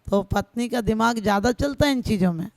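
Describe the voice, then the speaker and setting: A woman's voice: a little high, brisk, gravelly, no echo, clean studio sound. A woman, a Jain nun, preaching a devotional sermon with humorous folk stories and rhythmic, exhorting lists. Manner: humorous, folksy storytelling.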